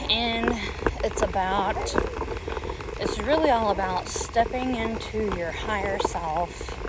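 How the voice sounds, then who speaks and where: Female podcast host, unhurried casual brain-dump delivery on a walk outside, very noisy outdoor recording with leaves crunching. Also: medium pitch. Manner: musing aloud while walking. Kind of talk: casual unscripted podcast monologue. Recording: outdoor walking recording, loud ambient noise. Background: crunching dry leaves underfoot, outdoor noise.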